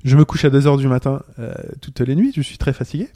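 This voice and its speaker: A man's voice: mid-range voice, fast, warm tone, dry recording. A man hosting a podcast, chatting casually and jokingly with plenty of fillers. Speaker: podcast host.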